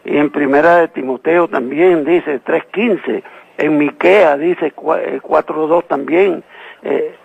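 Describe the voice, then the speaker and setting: A man's voice: fairly high pitch, fairly even intonation, slow pace, vocal fry, husky, phone-quality sound. A man from Venezuela calling in over the phone to a live radio show, earnestly citing scripture verse by verse. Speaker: caller asking a Bible question.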